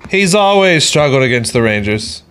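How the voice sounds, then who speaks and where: A man's voice: mid-range voice, very animated, moderate pace, fairly bright tone, clean tone. A man hosting casual sports betting chat with profane, slangy frat-bro banter. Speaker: sports betting show host.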